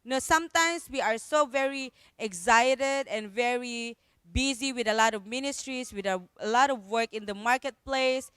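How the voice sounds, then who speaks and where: A woman's voice: on the high side, moderate pace, fairly bright tone, clear, resonant tone, dry recording. A woman pastor with a Filipino accent giving an earnest devotional Bible teaching, repeating her key phrases and mixing in Tagalog.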